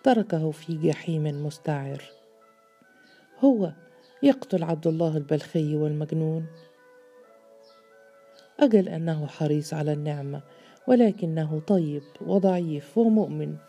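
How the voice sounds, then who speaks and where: A woman narrating a literary story in a measured, deliberate reading. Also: sits low, warm tone.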